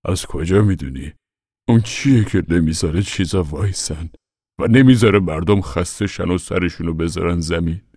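A man's voice: low-pitched, darkish tone, dry recording, clean studio sound. A man voicing a gloomy, hopeless older uncle in an audiobook. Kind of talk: audiobook character reading.

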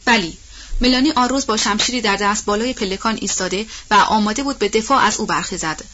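A woman narrating a novel as an audiobook, telling the story in a measured, expressive way. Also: mid-range voice, dull audio.

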